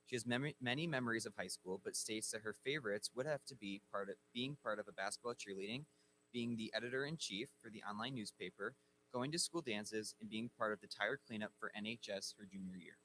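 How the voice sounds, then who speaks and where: A man's voice: lowish voice, fairly quick, bright, forceful tone, a little hiss or hum, rough recording. A man announcing at a school ceremony, reading inductee bios formally from a lectern microphone. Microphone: speaking at a lectern microphone.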